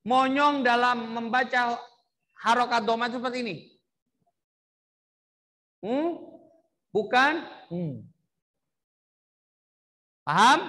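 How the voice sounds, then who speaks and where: Teacher, man, slow deliberate recitation drills, very high bright voice. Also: in a large hall. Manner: demonstrates vowel sounds and has the class repeat.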